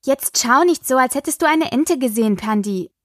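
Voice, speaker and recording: A woman's voice: sits high, lively intonation, no room sound. A woman reading an audiobook, voicing a sarcastic, teasing teenage daughter. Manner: sarcastic, quick-tongued.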